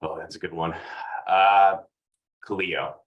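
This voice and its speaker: The audio is tinny and narrow as a young man from Oregon, USA, chats casually as a podcast guest. His voice sits low and slow, easygoing but hesitant, with many fillers.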